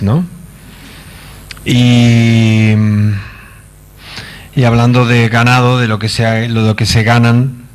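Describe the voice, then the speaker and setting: A man from Argentina, giving a conference talk in a halting manner with many fillers and wry asides. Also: on the low side. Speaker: conference speaker. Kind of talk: lecture. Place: conference stage.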